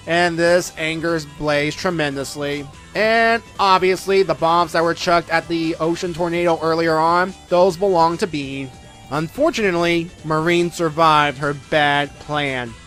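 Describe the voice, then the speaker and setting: A man's voice: a little high, fairly bright tone. A man narrating a scripted comic review, with wry, sarcastic asides.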